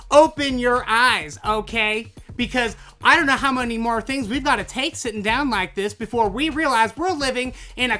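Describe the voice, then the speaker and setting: A man's voice: very high-pitched, bright, forceful tone. A young man impersonating an indignant female conservative cable news pundit in a heated, theatrical political rant. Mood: indignant alarm. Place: indoor home studio. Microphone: large desk microphone up close.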